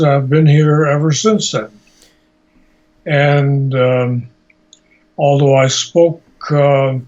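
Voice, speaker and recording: This is a Holocaust survivor of eighty, from Slovakia and Hungary and later the United States, describing his life in an interview. His mid-range voice has a darkish tone, and his delivery is slow, deliberate and halting as he gropes for words. The recording is amateur, dull and lo-fi.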